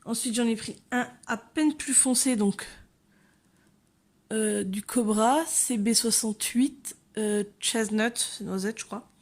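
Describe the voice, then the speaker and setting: In a home room with a window, a woman with a slow, somewhat high and slightly mellow voice chats casually while coloring. Hosting a coloring channel, she fills the tutorial with hesitations, asides and fillers, even talking to her cats.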